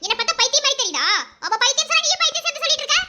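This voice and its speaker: Woman voicing a bossy cartoon college girl, Madurai Tamil accent, very high squeaky voice, rapid nagging, noisy recording. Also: sing-song. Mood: snappy. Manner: scolding, possessive, nagging. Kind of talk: animated cartoon voice acting.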